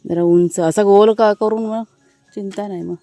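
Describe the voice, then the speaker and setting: A woman from Maharashtra in casual vlog narration, chatty and explanatory as she speaks to viewers from an outdoor garden, now and then calling loudly to her dogs. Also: mid-range voice, fairly even intonation, moderate pace, dry recording, faint music behind. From Maharashtra, India. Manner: calls out loudly to her dogs between remarks. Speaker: family vlogger.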